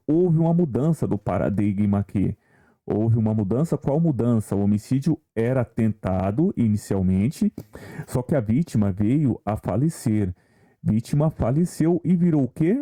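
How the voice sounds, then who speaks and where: Warm and medium in pitch, this man's voice leads an online exam-prep law class. He guides viewers through the questions, tossing in rhetorical questions along the way.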